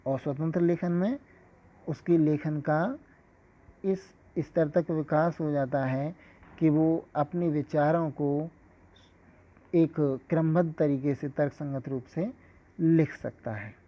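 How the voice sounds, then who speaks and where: A man teaching a lesson in a measured, explanatory way, with an occasional filler. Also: on the high side, fairly even intonation. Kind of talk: scripted lesson lecture. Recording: dull lo-fi recording.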